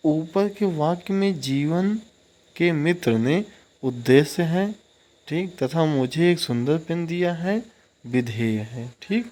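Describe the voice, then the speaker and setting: A man's voice: on the high side, expressive, slow pace, a little mellow. A man teaching exam-prep grammar, explaining step by step and checking in often with his listeners.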